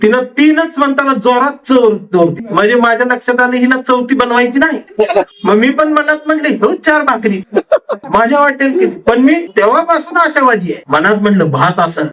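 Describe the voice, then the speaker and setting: A man's voice: very high voice, lively intonation, normal speed, fairly bright tone, far from the mic, rough recording. A man giving a storytelling speech to an audience, acting out the dialogue of the people in his anecdote. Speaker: public speaker.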